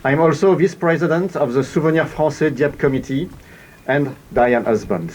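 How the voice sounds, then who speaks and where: A man with a French accent, acting as master of ceremonies and giving a measured, formal address into a PA microphone outdoors. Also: fairly high pitch, darkish tone. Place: outdoors at a monument.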